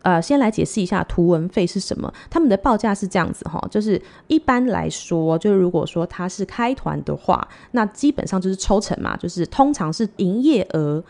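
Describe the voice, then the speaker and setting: Animated woman storyteller. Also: medium pitch, a little fast, gravelly, few pauses. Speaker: podcast host. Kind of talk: storytelling chat.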